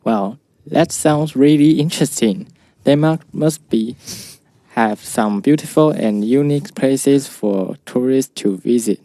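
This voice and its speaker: A man's voice: medium pitch, a little slow, warm tone, dry recording. A teenage boy from Taiwan co-hosting a school podcast, reading his lines from a script. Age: teens. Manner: reads from a script. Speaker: co-host.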